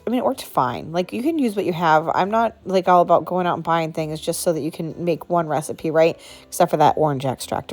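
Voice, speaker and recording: With a fairly low, darkish voice stuffed up by a sinus infection, a woman in her thirties hosts a home cooking video. She chats her way through the recipe, tossing in lots of asides and saying "like" often.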